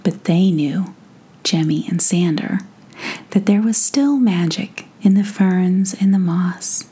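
A woman reading a bedtime story aloud with soft, half-whispered narration. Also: lowish voice, steady tone, slow pace, husky.

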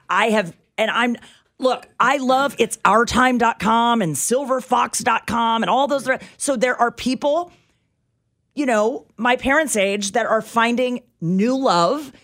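A middle-aged woman co-hosting a radio talk show, chatting casually and telling stories with lots of excitement. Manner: animated, storytelling, jumps into high squeals when excited.

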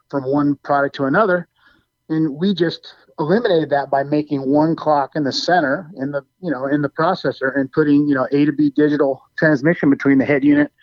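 A man's voice: on the high side, dry recording. Man on a compressed, cutting-out cell phone line. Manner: explains technical details eagerly with everyday comparisons. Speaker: guest product expert. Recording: dull, lo-fi phone call audio.

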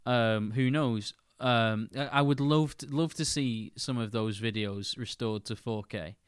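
A man's voice: mid-range voice, measured pace, smooth, dry recording, studio quality. A man co-hosting a podcast in casual chat, hesitant, with many fillers and restarts. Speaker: podcast co-host.

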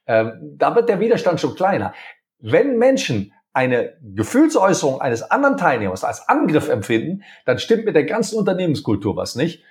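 Man, interview guest, lively pitch, acts out little dialogues. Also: moderate pace. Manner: animated, acts out quoted dialogue in different voices. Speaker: interview guest, communication speaker. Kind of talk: conversational interview.

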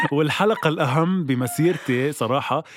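A man's voice: on the high side, brisk, a bit bright, dry recording. A man with a Lebanese accent co-hosting a podcast in casual chat, teasing and mock-indignant, often cutting in. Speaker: podcast co-host.

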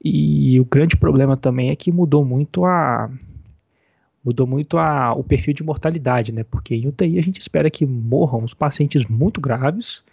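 A man in his thirties, an ICU doctor, explaining things in a measured way during an interview heard over a phone line. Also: mid-range voice, vocal fry, a little mellow, breathy edge, dry recording. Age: 30s. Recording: dull, muffled phone call audio.

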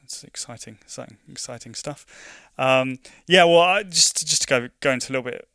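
This young conservation project worker from London speaks with a London accent, chatting informally in an interview and often restarting or dropping in "you know." His voice is mid-range, brisk, creaky and bright, with a forceful tone. The recording is dry and studio quality.

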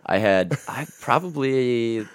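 A man's voice: mid-range voice, lively intonation, slow pace, clear, resonant tone, no room sound, clean studio sound. A man with an American accent, a youth football coach, telling coaching stories in an easygoing way with lots of fillers. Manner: easygoing, filler-heavy storytelling. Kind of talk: casual podcast conversation.

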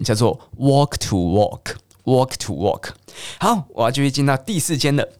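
A middle-aged man from Taiwan, teaching English in a chatty, lively way and mixing English words into his Mandarin. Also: mid-range voice, dry recording, clean studio sound. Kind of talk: casual teaching monologue.

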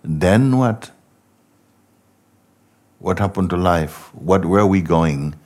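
Very deep, breathy, slow-talking man. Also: lively intonation. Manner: slow and reflective, asking many rhetorical questions, often trailing off softly. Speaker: spiritual teacher. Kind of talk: contemplative spiritual talk.

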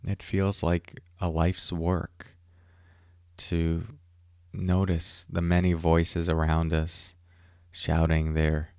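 A man hosting a mindfulness podcast, speaking close and intimately into the ear, calmly guiding reflection and reading poetry in a measured, unhurried way with deliberate pauses. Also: low-pitched, dry recording. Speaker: podcast host and mindfulness teacher. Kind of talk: calm guided reflection and poem reading. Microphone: close mic in a dry space.

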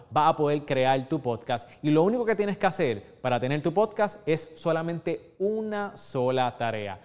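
A man's voice: fairly high pitch, a little mellow, smooth, big-room sound. A man hosting a podcast, with an upbeat, salesy delivery. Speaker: podcast host. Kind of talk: podcast intro and interview.

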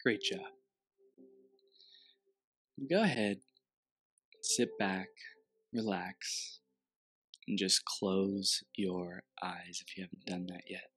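A man leading a guided meditation with a soothing delivery and long pauses, speaking softly as if right in your ear. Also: low-pitched.

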